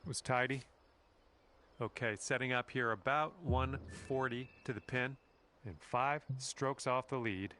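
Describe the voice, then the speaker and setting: An actor playing a friendly golf game commentator who speaks calmly and encouragingly to the player in scripted lines. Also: male voice, medium pitch, measured pace, slight background noise.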